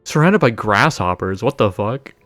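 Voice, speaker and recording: A man's voice: on the low side, animated, normal speed, fairly bright tone, no room sound, soft background music. A man casually chatting while streaming a video game, loose and sweary with frequent laughs. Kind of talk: casual gameplay livestream chat.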